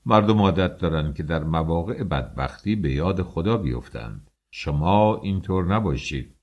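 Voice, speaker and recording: A man voicing an old male Sufi master who speaks slowly, gravely and in a hushed tone. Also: low-pitched, animated, highs cut off, pitched below the performer's own voice. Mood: solemn.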